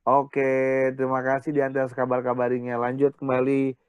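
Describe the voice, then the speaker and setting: A man's voice: medium pitch, monotone, fairly quick, clear, resonant tone, no echo. Joking male teacher on a video call. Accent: Indonesian. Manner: joking, teasing banter with students. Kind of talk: online class roll call.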